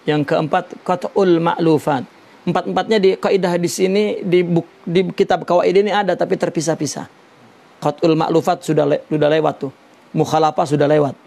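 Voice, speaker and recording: A man teaching a religious lesson on a Sufi text, slow and deliberate, explaining Arabic terms with many "ya" fillers. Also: on the high side, steady tone, vocal fry, darkish tone.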